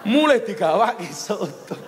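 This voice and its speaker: Joking Javanese preacher in an echoey hall. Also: male voice, high voice, big pitch swings, measured pace, slight background noise. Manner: jokey, switches between Javanese and Indonesian, acts out voices. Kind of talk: humorous Islamic sermon. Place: large venue before an audience.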